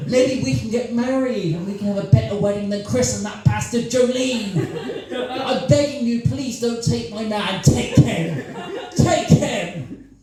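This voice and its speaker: Brief: man playing a pleading lovesick guy, pitched high, needy, in a roomy live space. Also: animated, very slow, long pauses, distant mic, over music, exaggerated voice. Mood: begging. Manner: high, begging, sing-song pleading. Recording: echoey live venue.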